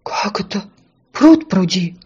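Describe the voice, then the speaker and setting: Woman playing a little donkey, earnest, jumpy, raised high voice, storybook. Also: very animated, unhurried, husky, lo-fi sound, full character voice. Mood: alarmed. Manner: earnest, easily alarmed. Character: anxious naive little male donkey.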